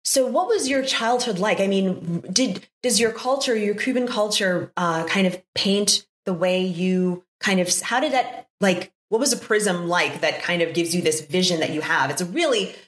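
A woman's voice: mid-range voice, moderate pace, few pauses. Effusive woman host, echoey room. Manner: warm and effusive, with lots of fillers. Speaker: podcast host. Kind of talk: casual interview conversation.

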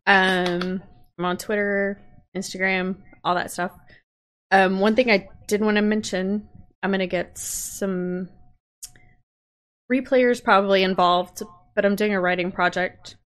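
A woman's voice: medium pitch, fairly even intonation, measured pace, a bit bright. A woman guest on a podcast, earnestly explaining a project in casual talk. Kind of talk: casual chat.

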